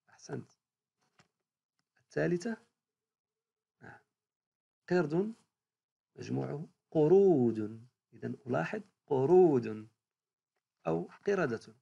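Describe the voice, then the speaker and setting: A primary school teacher from Morocco giving a recorded reading lesson to young pupils, repeating each word slowly and praising every answer. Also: medium pitch, vocal fry, warm tone, slightly rough, muffled recording.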